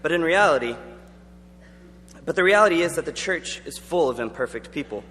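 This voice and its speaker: A man's voice: fairly high pitch, animated, brisk, fairly bright tone. A young man giving an earnest, conversational chapel talk with frequent ums. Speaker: student chapel speaker. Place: large chapel auditorium. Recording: long hall reverb, faint hum.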